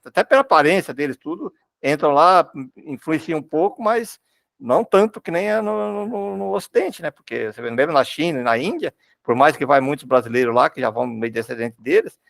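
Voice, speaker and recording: A man with a Brazilian accent talking in a religious study group, halting and repeating words as he thinks. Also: mid-range voice, gravelly, a bit bright, dry recording, studio quality. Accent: Brazilian Portuguese.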